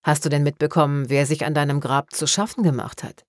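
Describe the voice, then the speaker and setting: Woman playing a soft, wry necromancer. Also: sits low, fairly even intonation, fairly quick, no room sound, clean studio sound, lightly acted. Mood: gentle. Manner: soft, friendly, lightly teasing. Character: wry young woman necromancer, gentle and amused.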